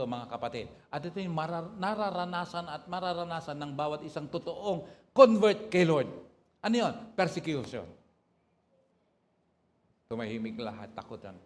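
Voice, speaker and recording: A man's voice: a little high, animated, normal speed. A Filipino man preaching a sermon as pastor, often calling out "Praise the Lord" and "Amen?" and mixing in English phrases. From Philippines. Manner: mixes Tagalog with English phrases. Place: church hall. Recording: hall reverb with faint room noise.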